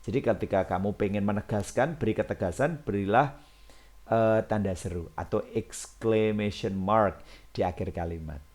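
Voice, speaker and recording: A man teaching an English grammar lesson, explaining in Indonesian and reading English example sentences slowly and with stress. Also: fairly low pitch, darkish tone. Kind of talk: recorded classroom lesson explanation.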